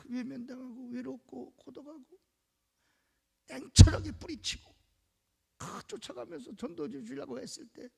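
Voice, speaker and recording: A male pastor preaching a sermon in a church, emphatic, building to loud shouted lists and then dropping to hushed asides. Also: very high-pitched, vocal fry, slightly rough. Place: church sanctuary. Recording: long church reverb.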